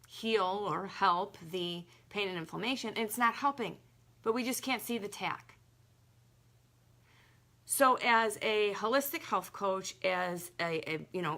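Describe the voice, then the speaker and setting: A young woman working as a holistic health coach talks straight to her listeners in a loose, chatty way, leaning hard on her points. Her voice is bright and forceful, with a middle pitch, and she scatters "like" through her sentences. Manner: chatty and emphatic, lots of "like". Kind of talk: casual direct-to-camera talk.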